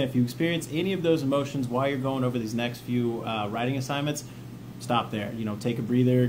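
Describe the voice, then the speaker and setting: A vlog host who works as a peer mentor for trauma coping gives informal instruction, partly reading from notes, in a casual, plain-spoken, encouraging way. His medium-pitched voice is a little mellow, and the ambient background is clearly noisy.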